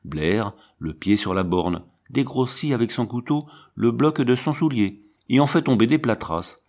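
A man reading a classic novel aloud as an audiobook, in a measured narrating voice. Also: mid-range voice, expressive, darkish tone. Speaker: audiobook reader.

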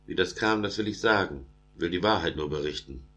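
Male narrator, very deep bass voice, verse fable reading, chanting rhythm. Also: brisk, sharp tone.

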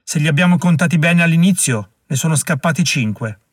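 A man's voice: on the high side, expressive, a little fast, no room sound, clean studio sound, voice pushed up. A man voicing a tough frontier fighter who gives a terse, blunt report in an audiobook. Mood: grim.

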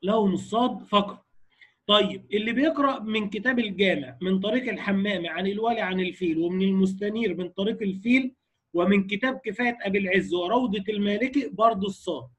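A man's voice: high voice, quick pace, a bit bright, slightly rough. A man with an Egyptian accent lecturing on recitation variants, explaining point by point and checking in with his students. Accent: Egyptian Arabic. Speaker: Quran recitation teacher.

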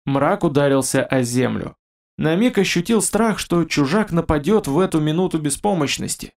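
A man narrating a fantasy audiobook in a steady storytelling manner. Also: fairly high pitch, normal speed, vocal fry.

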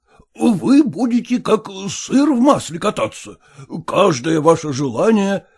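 A male storyteller voicing a stiff, pompous middle-aged suitor who speaks slowly and ceremoniously, hesitating and clearing his throat. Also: high-pitched, lively intonation, darkish tone, pitched above the performer's own voice, exaggerated voice.

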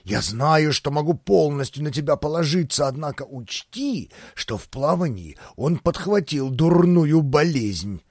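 A man voicing a blustering older male grand duke in an audiobook, booming and bossy. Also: lively intonation, measured pace, hardly any pauses, a little mellow, no room sound, studio quality. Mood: scheming. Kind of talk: audiobook character voice.

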